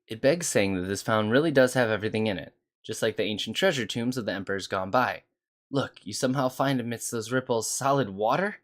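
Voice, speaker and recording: A man's voice: on the low side, a little fast. A man streaming a game, making wry, amused asides while playing. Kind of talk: casual game commentary.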